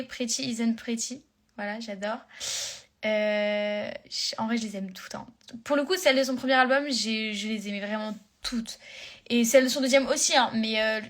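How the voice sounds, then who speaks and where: A young woman talks to fans on a live phone stream. Her voice sits fairly high, and she rambles along with lots of fillers and restarts. The chat stays casual and loose throughout.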